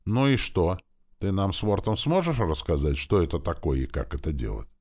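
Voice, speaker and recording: A stern, sarcastic schoolmaster, as a male narrator voices him, with a deep voice and a mocking, drawn-out way of speaking. His delivery rises and falls with wide swings as he needles his pupil. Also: very animated, darkish tone, no echo, studio quality, exaggerated voice. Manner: sarcastic, drawling.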